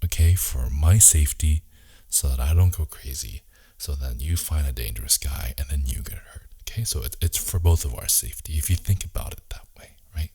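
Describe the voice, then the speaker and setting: Guy doing ASMR role-play as obsessed boyfriend, romantic leading man type, super husky, dark mellow voice, intimate n coaxing. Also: brisk. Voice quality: husky, gravelly low murmur slipping into soft voice.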